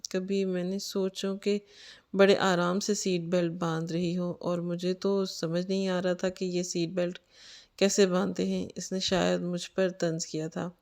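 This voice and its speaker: A woman's voice: lowish voice, little pitch movement, a little mellow. A woman narrating a story in the first person, earnest and anxious.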